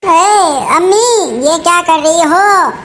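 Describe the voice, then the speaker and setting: A woman's voice: extremely high pitch, expressive, takes it slowly, a bit bright, slight background noise, full character voice. A woman voicing a worried young grandson in a village cartoon. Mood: alarmed. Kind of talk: cartoon voice acting.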